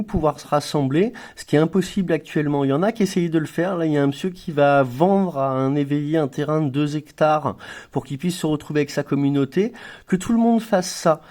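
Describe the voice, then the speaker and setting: Man, earnest and insistent, speaking a direct appeal to viewers, voice sits a bit high but sounds dark. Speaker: video maker making an appeal.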